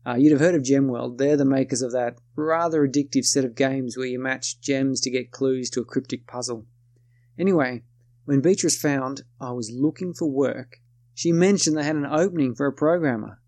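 A man's voice: mid-range voice, normal speed, darkish tone, no room sound. Wry Australian man narrating. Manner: wry, confiding, self-deprecating. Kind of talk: first-person scripted narration.

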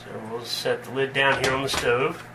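A chatty man hosts a homemade cooking demo, walking through each step in a folksy way. His voice sits back from the mic in a roomy space, with a steady noise running underneath. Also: medium pitch, moderate pace. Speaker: cooking show host. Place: home kitchen and dining room. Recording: roomy, distant, noisy home recording.

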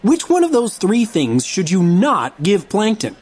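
A woman's voice: medium pitch, wildly swooping pitch, a little slow, darkish tone, slightly rough, full character voice. A woman playing an upbeat, encouraging host who narrates instructions for a cartoon game. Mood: encouraging, playful.

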